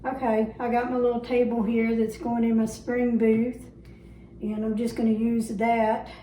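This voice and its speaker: A woman's voice: a little high, level tone, unhurried, mellow, slight background noise, low-quality recording. A middle-aged woman chatting casually in a home vlog, homey and full of little fillers. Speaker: vlogger and booth reseller.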